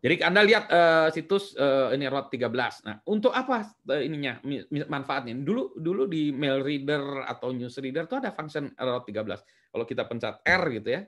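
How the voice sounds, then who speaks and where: Middle-aged male lecturer, Indonesian accent, relaxed and chatty, many "eh"s and tag questions, medium pitch. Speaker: university lecturer. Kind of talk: recorded lecture.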